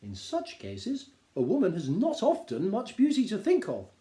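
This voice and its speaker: A man voicing a wry, teasing middle-aged husband, measured and mock-polite, reading from a classic novel. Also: sits high, huge pitch swings, dark tone, voice pushed up. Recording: roomy, echoing indoor sound.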